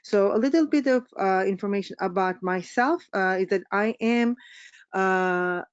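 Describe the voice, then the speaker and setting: A woman's voice: mid-range voice, measured pace, clean tone, dry recording, muffled recording. A middle-aged woman from Turkey with a Turkish accent, giving a webinar presentation as a business coach, hesitant with many fillers.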